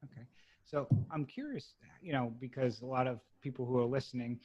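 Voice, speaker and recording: Chatty host with a Boston accent. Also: male voice, medium pitch, brisk, darkish tone, dull audio. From Massachusetts. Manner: chatty, rambling, many fillers. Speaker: podcast host. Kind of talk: casual interview.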